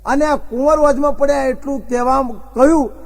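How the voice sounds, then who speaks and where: Man, high voice, stand-up comedian, folksy joke-telling, acts out dialogue. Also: fairly even intonation, fairly quick, creaky. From Gujarat, India. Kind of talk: comic storytelling on stage.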